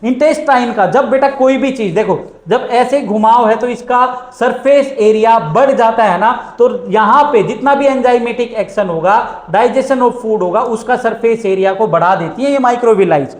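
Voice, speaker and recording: An Indian man teaches a science lesson in a fairly high voice. He keeps asking his class questions and answering them himself, and slows down for English lines. The room around him is echoey. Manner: asks questions and answers them himself, calls students "beta"; reads English lines slowly. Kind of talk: classroom lecture.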